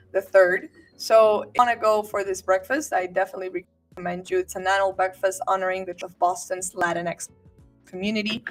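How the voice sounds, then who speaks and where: A woman's voice: medium pitch, distant mic. A woman from Venezuela hosting a casual, upbeat talk with lots of fillers and restarts. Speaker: host.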